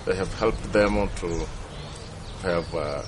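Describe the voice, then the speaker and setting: Deep-voiced Tanzanian man, halting interview answers, clear outdoor noise. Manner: halting, repeats words. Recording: noisy outdoor recording.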